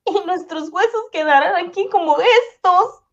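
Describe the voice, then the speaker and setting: A woman's voice: very high-pitched, a little slow. A woman voicing a despairing young boy sidekick in a radio drama, full of plaintive exclamations, on a dull recording.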